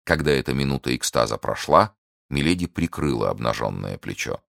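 A man narrating an audiobook in a dramatic, expressive manner. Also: very deep voice, fairly quick, gravelly, no echo, studio quality.

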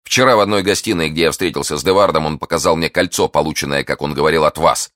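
A man's voice: very deep voice, quick pace, fairly bright tone, no room sound, studio quality. A man voicing an ardent, impulsive young male swordsman in an audiobook, speaking in passionate exclamations. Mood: earnest. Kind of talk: audiobook character reading.

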